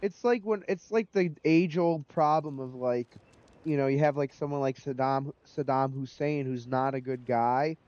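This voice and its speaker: A man's voice: mid-range voice, moderate pace, a little mellow, no room sound. Rambling, opinionated gamer man. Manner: rambling, opinionated, many fillers. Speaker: gaming commentator. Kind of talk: casual let's-play chat. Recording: dull lo-fi voice recording.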